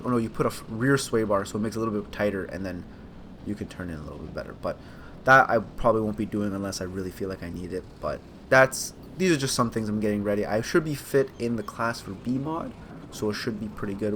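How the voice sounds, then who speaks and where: A young man, an amateur kart racer, rambling casually about his practice sessions and correcting himself as he goes. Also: on the low side. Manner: rambling, self-correcting, easygoing. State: out of breath. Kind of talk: casual racing vlog commentary. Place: outdoors at a kart track. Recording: loud outdoor noise around the mic.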